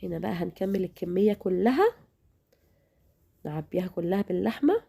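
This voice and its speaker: A cooking channel host with an Egyptian Arabic accent chats with viewers while demonstrating home cooking. Her voice sits lowish and sounds dark, husky and creaky, a little worn from a recent illness, and she speaks briskly and expressively.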